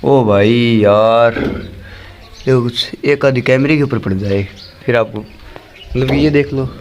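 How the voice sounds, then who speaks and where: Man, casual vlog chat, mid pitch, chatty, keeps pointing things out, handheld phone camera, faint outdoor hum behind. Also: normal speed. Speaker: vlogger. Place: home and outdoor lane during rain.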